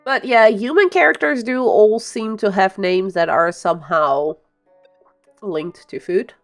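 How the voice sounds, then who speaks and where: A Flemish-speaking woman from Belgium, whose first language is Dutch (Flemish), chats casually as a game streamer, rambling through explanations in live-stream commentary. She speaks unhurriedly in a medium-pitched voice over faint background music.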